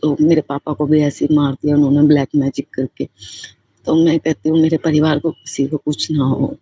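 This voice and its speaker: A woman's voice: low-pitched, little pitch movement, normal speed, warm tone, husky, no echo. A woman giving a personal devotional testimony, speaking in a heartfelt, repetitive and fervently grateful way. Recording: slightly muffled lo-fi recording.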